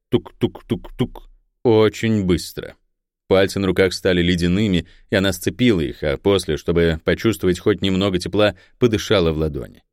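A man narrating a fantasy novel in a steady storytelling voice into a close microphone. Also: low voice, no room sound. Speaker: audiobook narrator.

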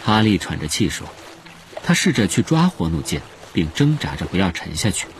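A man narrating a storybook in a lively, expressive way. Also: low voice, moderate pace, slight background noise. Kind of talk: storybook reading.

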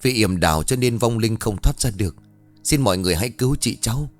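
A man's voice: lowish voice, lively intonation, fast talker, soft background music, lightly acted. A man voicing a frightened young ghost girl, a servant, pleading tearfully in a storybook reading.

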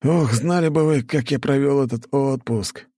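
A man voicing a carefree, talkative soldier with a raised, gravelly voice. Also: medium pitch, normal speed, dark tone, no echo, pitched above the performer's own voice, lightly acted. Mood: cheery. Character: chatty cheerful male soldier, carefree.

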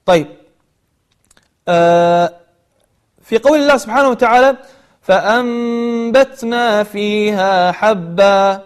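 High-voiced man teaching recitation patiently. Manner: gentle, patient explanation that repeats examples. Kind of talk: online recitation lesson.

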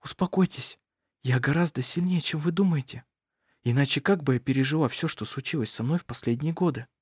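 A strong-willed young daughter speaks low and steady, raised a little above the reader's own pitch, as a man reads her out. Her hushed tone stays calm and firm in a dry, close storybook recording. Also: a little fast, husky, dry recording. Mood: calm resolve.

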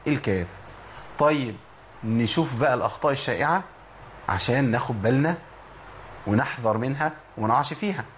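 A man with an Egyptian accent teaching tajweed, drilling letter sounds slowly and repeating example words. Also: medium pitch, slight background noise. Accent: Egyptian Arabic. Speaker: Quran recitation teacher. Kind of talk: Egyptian Arabic tajweed lesson.

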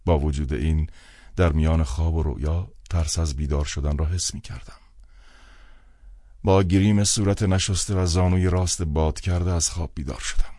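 A man narrating a literary novel as an audiobook, telling it in the first person in a measured, wry way. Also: extremely low pitch, warm tone, dry recording, clean studio sound.

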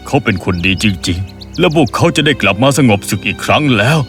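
A man's voice: lowish voice, lively intonation, fairly quick, fairly bright tone, soft background music. A man voicing an eager male townsman telling news in a storybook tale. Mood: excited.

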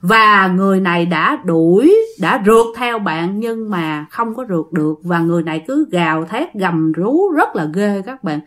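Woman storyteller, Southern Vietnamese accent, mid-pitched voice; chatty ghost-story host who speaks directly to listeners and drags out repeated words for tension. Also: lively intonation, moderate pace, hardly any pauses, a bit bright.

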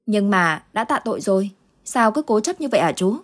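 A woman's voice: medium pitch, lively intonation, fairly quick, lightly acted. A woman voicing a polite, curious young man who questions his uncle in an audio ghost story. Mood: puzzled.

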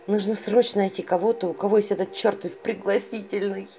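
A woman's voice: mid-range voice, steady tone, a little fast, dark tone. Wry woman narrating a story. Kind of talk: first-person story narration.

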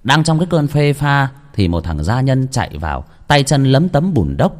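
A man's voice: mid-range voice, big pitch swings, moderate pace. Dramatic male storyteller. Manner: dramatic, swooping delivery. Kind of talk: horror story narration.

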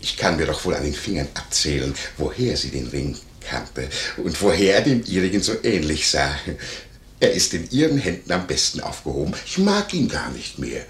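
An actor playing a fawning, gossipy innkeeper in a 1950s German radio play, talking in an eager, wheedling way. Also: male voice, rumbling low, sing-song, normal speed. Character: fawning, nosy male innkeeper, middle-aged. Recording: roomy, faintly noisy 1951 radio recording.

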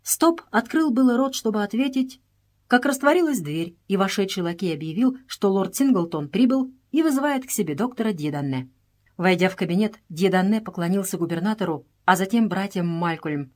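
A woman's voice: medium pitch, animated, a little fast, darkish tone. Give me a woman narrating an audiobook steadily.

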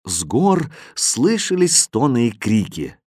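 Lively male storybook narrator. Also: medium pitch, slow pace, breathy edge, no echo, clean studio sound. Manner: expressive, lively reading. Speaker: audiobook narrator. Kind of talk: first-person storybook narration.

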